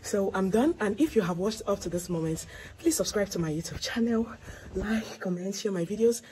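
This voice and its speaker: A woman's voice: mid-range voice, a little fast, dark tone, poor audio. A woman in her thirties with a Nigerian accent, a fitness YouTuber talking casually to her phone camera outdoors. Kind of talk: casual vlog talk to camera. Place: outdoors by a house front door. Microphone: phone at arm's length. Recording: clear outdoor background noise.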